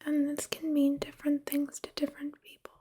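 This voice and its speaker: A woman giving a whispered ASMR pep talk, speaking gently and reassuringly in a soft, unvoiced whisper. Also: high-pitched, completely flat delivery, brisk, slight background noise.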